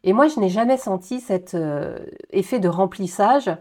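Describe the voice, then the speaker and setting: A woman speaking to her viewers as the host of her own review channel. Her delivery is animated and expressive, rising with excitement at the big points. She drops in small hesitation fillers as she works through her thoughts. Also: medium pitch, normal speed. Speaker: YouTube host reviewing episodes of a TV series. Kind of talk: enthusiastic video commentary, partly scripted.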